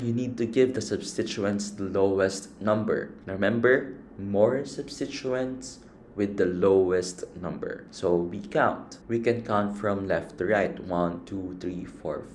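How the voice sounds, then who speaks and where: A chemistry teacher from the Philippines explains a lesson step by step, speaking slowly and patiently in a low voice and counting items aloud. A slight hiss or hum sits in the background.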